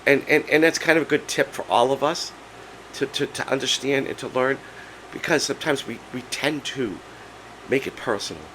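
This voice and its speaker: A man of sixty with laryngitis, his hoarse voice giving out as he chats casually and haltingly as a vlog host. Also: mid-range voice, fairly bright tone, a little hiss or hum, low-quality recording. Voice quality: hoarse, breaking voice. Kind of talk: casual personal vlog, chatty storytelling.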